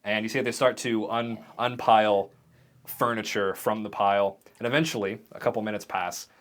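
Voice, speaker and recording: A man running a tabletop game as game master, narrating the scenes in a vivid, animated way. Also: on the low side, fairly quick.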